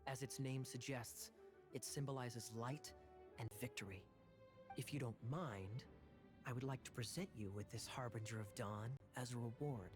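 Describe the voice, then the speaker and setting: Brief: smooth, teasing young male knight, game dialogue, music bed, male actor. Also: medium pitch, normal speed, close to an everyday voice. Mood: sly.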